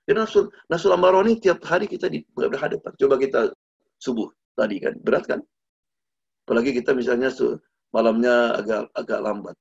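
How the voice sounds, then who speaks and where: A male preacher with a gravelly, husky voice tells a story and gives a lesson. He acts out each character as he goes. The sound is dull and lo-fi, as a video call usually is. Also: medium pitch. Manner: animated storyteller acting out voices. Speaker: Islamic preacher.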